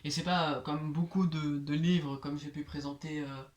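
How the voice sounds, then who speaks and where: A young man with a slushy lisp, his s sounds slurring toward sh, presenting casually and haltingly like a home vlogger. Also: on the high side, fairly even intonation. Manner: halting, hesitant, filler-heavy. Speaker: host of a comic book collection video series.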